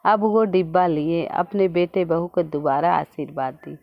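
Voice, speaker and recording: A woman narrating a devotional folk tale in a simple, unhurried storytelling manner. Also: on the low side, vocal fry, no room sound, muffled recording.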